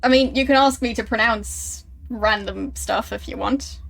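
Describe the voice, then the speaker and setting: A young woman's somewhat high, gravelly voice moves at a measured pace as she streams a game and chats casually with viewers. Relaxed and amused, she teases them while they guess her accent.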